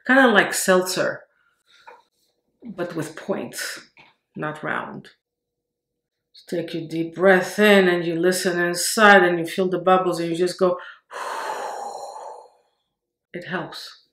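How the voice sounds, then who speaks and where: Slow, soft-spoken woman guiding meditation. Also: lowish voice, fairly even intonation, roomy sound. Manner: slow, soft, repetitive cues. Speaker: meditation teacher. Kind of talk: guided meditation.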